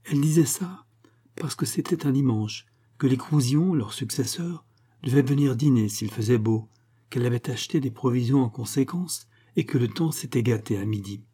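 Husky, mellow male audiobook narrator. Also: medium pitch, moderate pace. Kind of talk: audiobook reading of a comic story.

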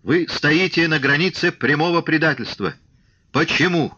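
A man voicing a hoarse, fierce agitator who declaims a rousing speech. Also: fairly high pitch, normal speed, pushed and bright, highs cut off, pitched above the performer's own voice. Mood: fiery rousing.

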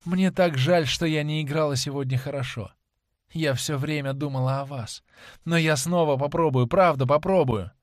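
A man's voice: on the high side, moderate pace, no echo, natural voice. A man reading the part of a young stage actress in an audiobook, in an impassioned, pleading way, recorded dry. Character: young woman, a stage actress, passionate and devoted.

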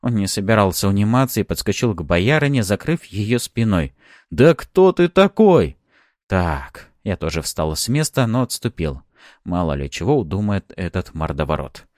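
Ironic, expressive male audiobook narrator. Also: low-pitched, brisk, no room sound, clean studio sound. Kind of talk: first-person audiobook narration.

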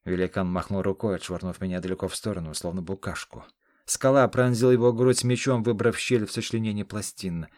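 A man's voice: lowish voice, fairly even intonation, fairly quick, a little mellow, no room sound. A man narrating a fantasy battle in first person, in an intense, dramatic storytelling manner, on a close studio mic. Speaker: audiobook narrator. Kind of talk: scripted narration.

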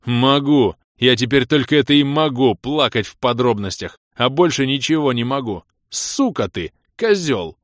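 A man voicing a furious, foul-mouthed young man with broken ribs, yelling insults and indignant complaints. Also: medium pitch, takes it slowly, no room sound, clean studio sound, voice pushed up.

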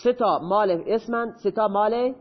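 A man's voice: sits high, big-room sound, highs cut off. A male teacher explaining Arabic grammar in a lesson, asking questions and answering them himself.

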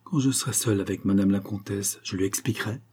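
A man's voice: fairly low pitch, brisk, darkish tone, husky. A man reading the lines of a sly, sardonic Portuguese henchman in an audiobook, in a dry, matter-of-fact way.

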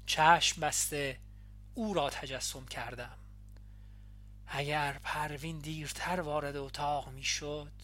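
Woman narrating an audiobook in calm tones. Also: low voice. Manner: calm, measured first-person storytelling. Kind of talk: audiobook reading.

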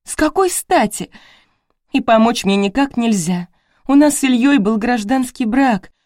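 A weepy young woman, defensive and desperate, her voice pushed high and loud as she sobs through each line, as a woman reading the story puts her on. Dry, close audiobook sound. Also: expressive, moderate pace, dry recording, lightly acted. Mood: tearful, desperate. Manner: sobbing, pleading, high and strained. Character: tearful young woman, distraught widow, defensive.

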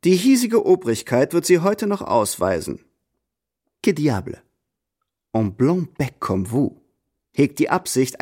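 Radio drama: pompous, scheming French nobleman, lively and lofty. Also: fairly high pitch. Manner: pompous, sprinkles in French phrases. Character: haughty scheming French marquis, middle-aged man.

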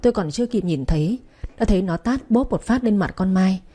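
Give me a woman narrating an audio story with a mellow voice. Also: mid-range voice, lively intonation, a little fast, breathy edge. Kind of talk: first-person story narration.

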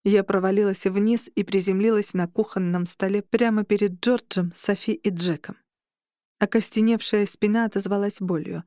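A woman narrating an audiobook in the first person, with measured, tense storytelling. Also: mid-range voice, steady tone, warm tone, no room sound, clean studio sound.

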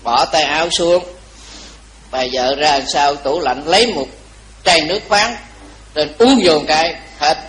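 A man giving a Buddhist dharma talk, telling a long story to his audience in an animated, chatty way, a little tired. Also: a little high, measured pace, long pauses, a little hiss or hum, poor audio. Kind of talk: storytelling sermon.

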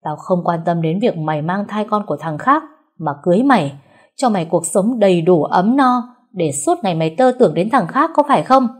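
A woman voicing a jealous young husband who shouts harsh accusations. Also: fairly low pitch, lively intonation, normal speed. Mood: angry.

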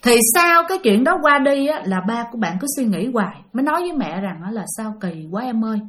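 A woman tells a ghost story in a lively, conversational way. Her voice sits a little high, and she slips into acted quotes of the people in the tale. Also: fast. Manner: animated retelling with acted quotes. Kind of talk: spoken ghost story narration.

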